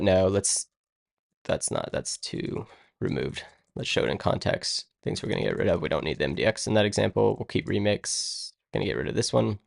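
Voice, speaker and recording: A man's voice: on the low side, vocal fry, darkish tone, no echo, clean studio sound. A man live-streaming his coding work, thinking aloud in a rambling, casual way and muttering to himself as he goes. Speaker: live-streaming web developer.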